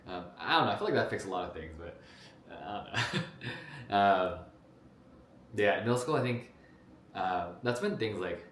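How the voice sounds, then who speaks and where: A young man from New Jersey talks into a camera in a loose, rambling way, full of fillers and restarts. His voice sits very low. The room rings with echo, and a faint hiss lies underneath. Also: lively intonation, normal speed, pauses often, a bit bright. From New Jersey, United States. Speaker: vlogger. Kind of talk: casual talk to camera about his life. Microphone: camera mic.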